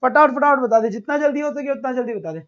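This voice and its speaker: A man's voice: extremely high pitch, fast talker, a bit bright, lo-fi sound. A male teacher leading a live online exam-prep class, coaxing students and answering his own questions.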